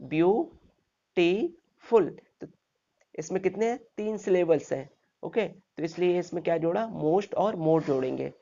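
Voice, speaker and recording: A man's voice: fairly high pitch, normal speed, gravelly, warm tone, muffled recording. A man teaching a grammar lesson step by step, asking his class rhetorical questions and checking in with "okay" after each point.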